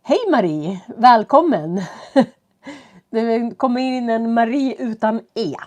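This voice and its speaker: A woman with a stuffy nose and a cough, teaching from home and talking slowly and clearly for learners as she greets viewers on a live stream. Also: a little high, darkish tone. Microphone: computer setup.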